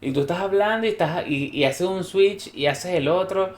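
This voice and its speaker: A man's voice: high-pitched, moderate pace. A Venezuelan man co-hosting a podcast, chatting casually and acting out the dialogue in his stories. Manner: lively storyteller who acts out quoted dialogue. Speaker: podcast co-host. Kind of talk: casual chat. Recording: roomy echo.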